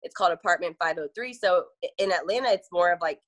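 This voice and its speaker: Casting: young adult woman, relaxed interview guest, rambling and laughing, lower voice. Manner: chatty, fast, filler-heavy with frequent "like" and laughs. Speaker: event promoter, guest. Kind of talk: casual interview chat.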